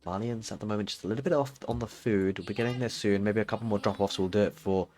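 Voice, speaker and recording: A man giving steady play-by-play commentary on a strategy game match, explaining moves as they happen with frequent fillers. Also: on the low side, quick pace. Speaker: esports caster.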